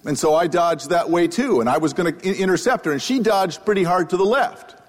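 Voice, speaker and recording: A man's voice: sits high, brisk. A man giving a humorous public lecture as an economist, telling a self-deprecating story on stage with a microphone on. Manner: wry, self-deprecating anecdotal delivery. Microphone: wearing a microphone. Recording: live talk with long hall reverb.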